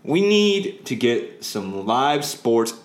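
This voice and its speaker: A man's voice: mid-range voice, very animated, slow. A man in his twenties co-hosting a podcast, rambling casually, swearing often and repeating himself. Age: 20s. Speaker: podcast co-host.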